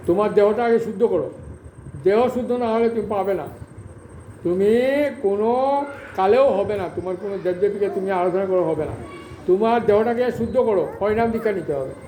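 A man's voice: sits high, fairly quick, long pauses, mellow, echoey room, slight background noise, lightly acted, low-quality recording. A man voicing a commanding female goddess who speaks as a voice from above, scolding in a stern, admonishing way.

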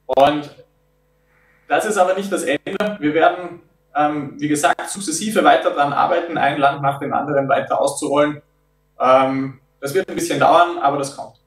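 A man in his thirties speaks in a slightly raised voice over a video call from an office meeting room. He explains step by step and keeps pausing on filler sounds. The sound is roomy and comes from some distance. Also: on the high side, steady tone. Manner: measured, with frequent filler sounds. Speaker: product developer. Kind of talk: explaining in an interview.

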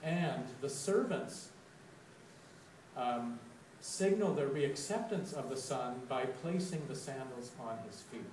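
A man giving a sermon reflection, telling a story slowly and deliberately. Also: medium pitch, lively intonation, a little mellow, slight background noise. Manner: slow, deliberate storytelling, with dramatic quoted outbursts. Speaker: preacher. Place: church sanctuary. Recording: echoey church, recorded from a distance.

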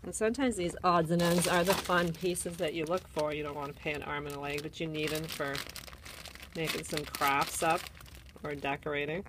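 With her phone in hand, a woman who sounds Canadian wanders an antique mall and casually reads off items and prices. She speaks at a normal speed in a low voice with fairly even intonation, over some background noise.

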